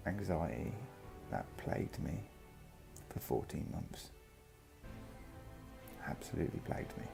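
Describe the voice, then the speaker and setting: A man giving a reflective, personal vlog monologue, speaking earnestly in short, halting phrases. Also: rumbling low, expressive, creaky. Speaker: vlogger. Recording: music behind the voice.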